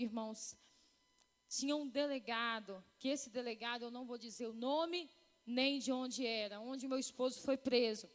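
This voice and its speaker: High-voiced woman giving church testimony. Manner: heartfelt, addresses the congregation as brothers. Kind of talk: emotional personal testimony. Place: church hall. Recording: long reverb of a church hall.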